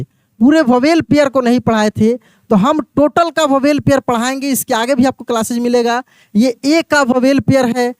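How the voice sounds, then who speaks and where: A man's voice: very high-pitched, smooth, no room sound, clean studio sound. A male teacher giving an online English pronunciation lesson. He spells out words letter by letter, asks what they are read as, and answers his own questions over and over. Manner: slows down to spell out letters one by one.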